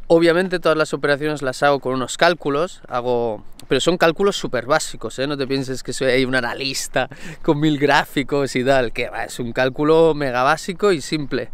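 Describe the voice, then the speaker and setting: Young man, chatty slangy vlogger, smooth clear voice, mid pitch. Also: normal speed. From Spain. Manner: chatty, laughs often, slang-heavy. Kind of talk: casual vlog talk.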